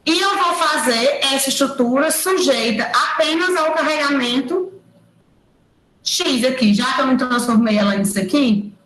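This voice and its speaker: A woman teaches an engineering class over a video call, walking through each step and checking in with her students as she goes. Her voice sits a little high. The sound is echoey, with a faint background hiss. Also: moderate pace, fairly bright tone. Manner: explains step by step, checks in with tag questions. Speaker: university lecturer. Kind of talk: online engineering lecture. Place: room at home or office, recorded over a digital platform. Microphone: computer mic on a video call.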